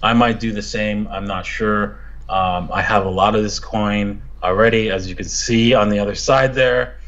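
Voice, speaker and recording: Dull-sounding crypto-bro man, halting casual commentary. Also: on the low side, fairly even intonation, fairly bright tone. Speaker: crypto analyst guest.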